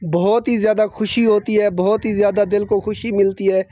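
A man's voice: high voice, steady tone, fairly quick, mellow, no echo, lo-fi sound. Earnest young man vlogging outdoors. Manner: earnest, devout, many religious phrases. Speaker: family vlogger. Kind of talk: casual vlog narration. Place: outdoors at a rural building site.

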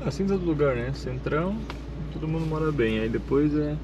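A man from Brazil, chatting excitedly and with slang while driving on a road trip. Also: fairly high pitch, a little fast. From Santa Catarina, Brazil. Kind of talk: casual chat while driving. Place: inside a moving car. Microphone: dashboard camera. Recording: distant voice over loud road noise.

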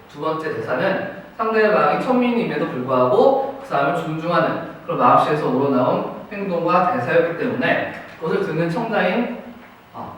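A man's voice: on the high side, fairly bright tone. A man teaching a class, asking students questions and praising their answers. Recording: very echoey room, distant mic, faint noise.

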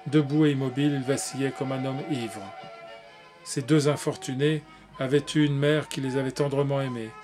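A man narrating a classic tale in a measured way, with occasional slips and restarts. Faint music plays behind him. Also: medium pitch, level tone, darkish tone. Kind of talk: reading a classic tale aloud.

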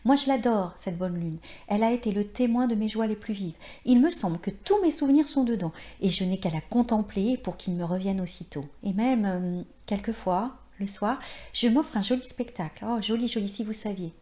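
A woman reads aloud as a former actress of sixty-nine, wistful and passionate, turning bashful when pressed. The voice is warm and mellow, at an ordinary pitch for a woman, in a read-aloud short story. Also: moderate pace, natural voice. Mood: shy, playful.

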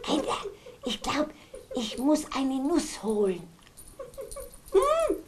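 A woman with an Austrian German accent voices Kasperl, the merry male jester puppet, chatting away with the children in the audience during a puppet show. Her voice sits high with huge, exaggerated pitch swings, and she takes things slowly over a noisy background.

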